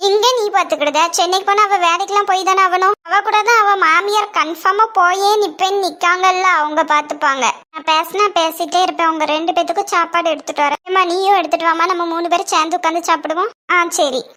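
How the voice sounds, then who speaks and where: A very high, bright voice carries this family cartoon, a woman voicing chatty young women and a fussing mother. She speaks with a Kanyakumari Tamil accent. Her tone moves between teasing, scolding and motherly. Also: fairly even intonation, fast, hardly any pauses.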